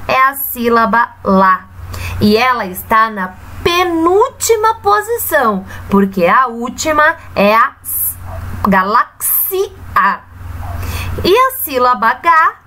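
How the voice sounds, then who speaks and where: A Brazilian woman teacher speaks slowly in a high, bright voice, stretching each example word syllable by syllable. Her pitch swings widely in a sing-song teaching tone. A faint hiss sits under the recording. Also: lively intonation. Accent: Brazilian Portuguese. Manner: slow, sing-song teacher talk, drawing out example words. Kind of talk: recorded remote grammar lesson for children.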